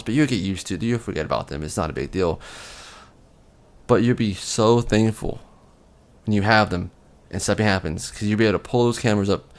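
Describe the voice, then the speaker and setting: A man hosting a collecting channel, giving casual advice straight to camera in a relaxed, rambling way, with frequent ums and repeated words. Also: on the low side.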